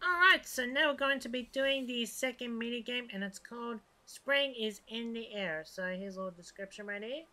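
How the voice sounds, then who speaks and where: Let's play host, woman, bright and animated, with quick frustrated outbursts and faint game music behind. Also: fairly high pitch. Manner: excitable, frustrated outbursts and laughter. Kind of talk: gameplay commentary.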